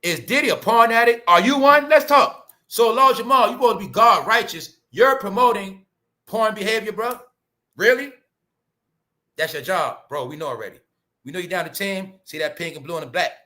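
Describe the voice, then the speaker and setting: A livestream host from Brooklyn, New York rants profanely, repeatedly calling his audience "y'all" and "bro." His voice is high and bright with a forceful edge, at normal speed, and his manner is heated.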